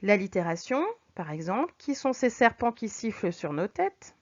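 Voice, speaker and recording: A woman teacher explaining figures of speech to her students, patient, reading examples slowly and clearly. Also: mid-range voice, lively intonation. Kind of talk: recorded French lesson. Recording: dull lo-fi recording.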